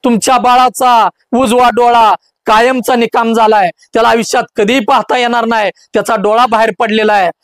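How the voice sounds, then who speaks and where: A gentle, calm doctor, as a man puts him on in a told story, speaking softly and measured, a step lower than the storyteller's own very high voice. The sound is dry and close. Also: no room sound. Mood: somber. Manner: soft, measured.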